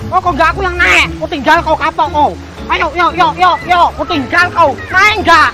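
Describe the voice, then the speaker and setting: A woman's voice: extremely high pitch, moderate pace, crowd noise. A woman playing a chatty, teasing neighbor and mother who scolds her child in a comedy skit. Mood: scolding. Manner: teasing and laughing, scolds loudly. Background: background music.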